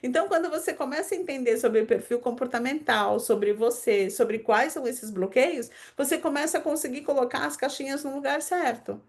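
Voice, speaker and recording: A Brazilian woman with a fairly high voice leads a devotional conversation. She tells personal stories in an animated way, pressing on key words and slipping in quick asides. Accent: Brazilian Portuguese. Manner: lively storyteller, animated emphasis, quick asides. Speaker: host of a daily devotional.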